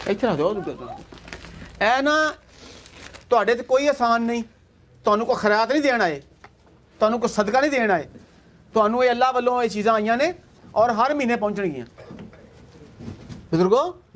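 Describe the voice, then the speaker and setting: A man's voice: very high voice, animated, fairly quick, long pauses, a little hiss or hum. A man from Pakistan on a charity visit who hands out aid and earnestly repeats his reassurances. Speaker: charity worker handing out aid. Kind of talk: on-site charity vlog talk.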